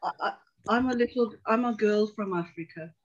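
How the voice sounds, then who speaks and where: A Tanzanian-born psychotherapist in her forties tells her life story earnestly and reflectively as a guest on a video call. Her medium-pitched voice moves at a moderate pace, and the sound is lo-fi.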